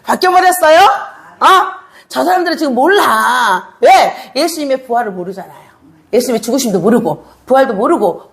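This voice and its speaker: A high-pitched middle-aged woman pastor delivers a lively sermon. She teases her listeners with rapid questions and laughter, then rises into shouting, tearful fervor. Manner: animated, teasing the congregation with questions and laughter.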